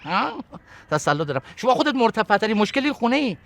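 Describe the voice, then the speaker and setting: Brief: mocking comic father, high and very lively voice. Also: exaggerated voice. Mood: scornful. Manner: mocking, theatrical, swings between loud and soft. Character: sarcastic bossy father scolding daughter's fiancé. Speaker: father in a comedy series.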